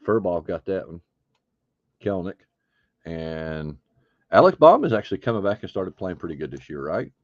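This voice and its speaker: Deep-voiced man chatting during a card break. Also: sing-song, moderate pace, long pauses, no room sound, highs cut off. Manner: chatty, thinks aloud while opening card packs. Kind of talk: casual live stream chat.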